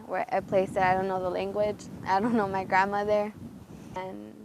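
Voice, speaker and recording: A woman's voice: medium pitch, vocal fry. A young woman from Oxnard, California speaking reflectively and evenly in a documentary interview. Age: young adult. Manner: reflective, even and measured. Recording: noisy documentary audio.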